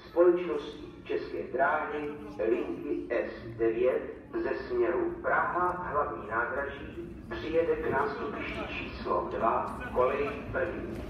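Male station announcer, formal and impersonal, measured phrasing, heard over distant, heavily reverberant platform loudspeakers. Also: medium pitch, lo-fi sound. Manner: measured, segmented, impersonal public-address delivery. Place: railway station, over public-address speakers. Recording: echoey station loudspeakers from far off, noisy.

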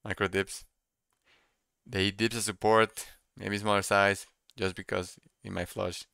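A young man doing casual live trading commentary, thinking out loud and repeating his phrases as he muses. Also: on the low side, little pitch movement, unhurried, gravelly, smooth, dry recording, studio quality. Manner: repeats phrases while musing to himself. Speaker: day trader streaming live. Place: small room indoors at a computer desk.

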